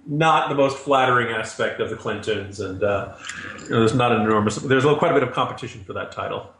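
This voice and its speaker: A man's voice: medium pitch, fairly quick, fairly bright tone, slight background noise. A man giving wry, sarcastic commentary as a regular guest on a news discussion show. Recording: roomy echo.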